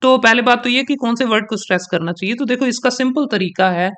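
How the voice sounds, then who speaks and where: A young man, an exam coaching trainer, teaching in Hindi mixed with English, explaining at length and repeating example sentences slowly with shifting stress. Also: very high-pitched, pushed and bright.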